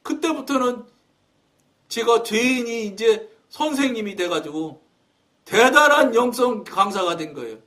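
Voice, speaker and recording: High-voiced man telling a testimony. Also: unhurried, recorded from a distance. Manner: animated storytelling with acted quotes. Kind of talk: testimony sermon.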